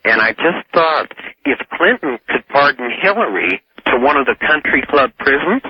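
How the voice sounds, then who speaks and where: A man's voice: medium pitch, very animated, normal speed, husky, no room sound. A man calling in to a radio show, rambling through a joking remark. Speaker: caller. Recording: dry lo-fi radio call.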